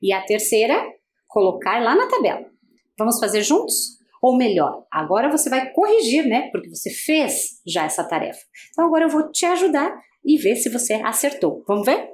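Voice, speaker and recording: A woman's voice: a little high, very animated, moderate pace. A female teacher with a Brazilian Portuguese accent, giving an adult-education video lesson, patient and asking many guiding questions.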